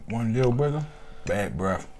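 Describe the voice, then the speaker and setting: A relaxed man talks through a mouthful of food as he chews. His chat is casual and playful, full of slang. A faint hiss of noise sits under his voice. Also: lowish voice, unhurried. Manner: laid-back, playful, slangy. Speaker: co-host of an eating video.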